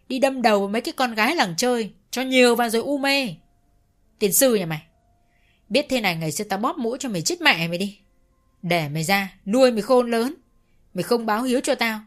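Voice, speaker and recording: A woman playing an enraged elderly father, bellowing insults at his wayward son in a loud, raised voice. He is harsh, bitter and relentless, in a read-aloud family story. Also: on the high side, animated, fairly quick, pitched above the performer's own voice, lightly acted. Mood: furious scolding. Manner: shouting, cursing. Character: harsh elderly father-in-law, furious, scolding.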